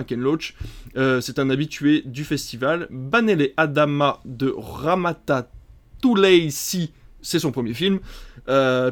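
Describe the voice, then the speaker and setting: A man hosting a casual film podcast, reading a long list of titles with many hesitant fillers. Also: medium pitch. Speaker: podcast host.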